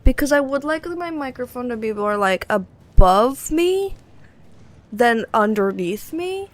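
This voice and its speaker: A young woman streams a game, chatting casually and rambling, with the occasional swear word. Her voice is a little high and animated, a bit slow, picked up by a cheap desk mic on an arm.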